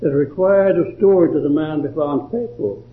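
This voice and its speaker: A man preaching a sermon and reciting a devotional poem in a slow, deliberate, measured way. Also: a little high. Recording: tinny phone-like old recording.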